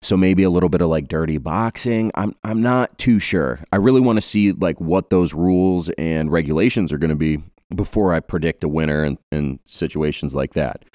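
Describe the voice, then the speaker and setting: Very deep-voiced young man chatting. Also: normal speed, darkish tone, dry recording, clean studio sound. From Ohio, US. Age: 20s. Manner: rambling, joking, many fillers. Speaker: podcast host. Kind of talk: casual podcast chat.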